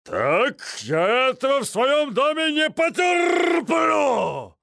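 A man voicing a drunk, blustering army major who roars slowly. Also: very high voice, huge pitch swings, gravelly, fairly bright tone, dry recording, studio quality, pitched above the performer's own voice, exaggerated voice. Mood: roaring. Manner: slow, drawling, roaring. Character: drunk, blustering middle-aged male major, a loud host.

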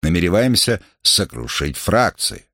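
A man reads a cold young revolutionary who talks in short, clipped sentences. The voice is very deep and dry, with lively shifts in pitch, as in a spoken storybook. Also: a little slow, gravelly, no echo, full character voice.

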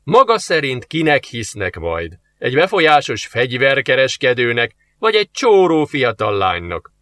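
A man reading aloud, voicing a suave, mocking male demon who talks slowly and teasingly. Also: mid-range voice, huge pitch swings, bright, forceful tone. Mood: smug. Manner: smug, slow and teasing.

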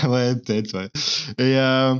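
A man's voice: medium pitch, fairly even intonation, slow, slight background noise. Rambling man, slightly muffled sound. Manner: rambling, hesitant, many fillers and restarts. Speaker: podcast co-host. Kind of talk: casual chat.

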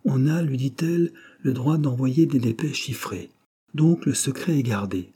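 A man's voice: mid-range voice, normal speed, warm tone, slightly rough, voice pushed up, natural voice. A man reading an audiobook, voicing a commanding, calculating countess in a raised voice. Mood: explaining coolly. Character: scheming woman, a countess.

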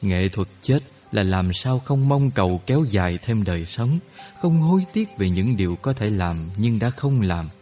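A man voicing a calm, wise older male healer who explains things slowly and gently. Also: lowish voice, soft background music, lightly acted. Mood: serene. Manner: slow, gentle, instructive.

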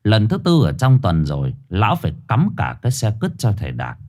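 Lively low-voiced male ghost storyteller. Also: fairly quick.

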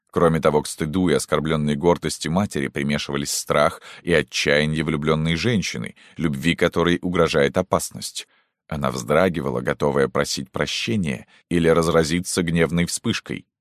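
A man calmly reading a classic novel aloud as an audiobook narrator. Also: extremely low pitch, no room sound, clean studio sound. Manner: calm, measured reading.

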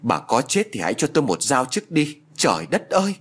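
A man's voice: mid-range voice, wildly swooping pitch, a little fast, a bit bright, husky, pitched above the performer's own voice, full character voice. Man voicing a feverish, choked-up peasant father. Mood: anguished. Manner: strained, choked, anguished.

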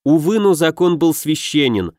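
A man reading fantasy narration in an even, measured voice. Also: on the high side, no echo, studio quality. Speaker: audiobook narrator.

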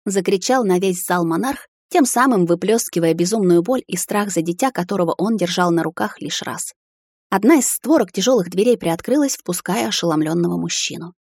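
A woman narrating a fantasy audiobook in a measured, expressive way. Her voice is lowish and close to the mic. The recording is dry with no room sound. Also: slightly rough, no room sound.

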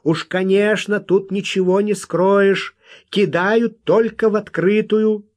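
A man's voice: sits high, expressive, takes it slowly, a little mellow, voice pushed up. A man voicing a stubborn, teasing young prospector who mocks his rival. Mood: mocking. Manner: stubborn, mocking.

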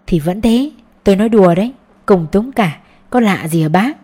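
A woman voicing a genial, talkative middle-aged male schoolteacher in a storybook reading, her own mellow voice pitched up a little. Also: lively intonation, normal speed, lightly acted.

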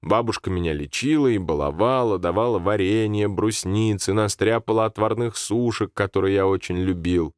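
A man narrating a story aloud in a calm, steady reading voice. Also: fairly low pitch, moderate pace, hardly any pauses, clear, resonant tone, no echo, studio quality.

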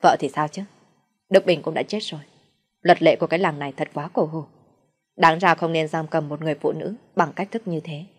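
A woman voicing a calm young gentleman who answers curtly and drily. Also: deep voice, brisk, breathy edge. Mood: calm dry. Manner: curt, dry.

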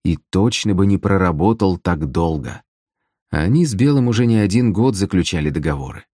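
A man reads a fantasy audiobook in a measured, even way. His voice is deep and low. The recording is dry and close, with no room sound. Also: dry recording. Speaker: audiobook narrator.

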